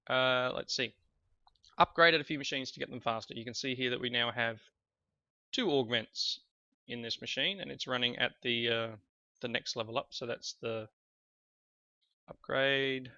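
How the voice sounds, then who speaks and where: A man's steady, sharp-toned mid-range voice moves at normal speed with long pauses, in a dry recording. He's a let's play host getting a cold, offering rambling, self-correcting casual gameplay commentary. The sound is slightly dull and lo-fi, with faint background music.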